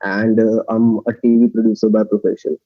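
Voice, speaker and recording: A male contestant introducing himself on a video call, hesitant with many pauses. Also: fairly low pitch, flat delivery, dry recording. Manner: hesitant, lots of uhs. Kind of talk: casual self-introduction. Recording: dull dry lo-fi call audio.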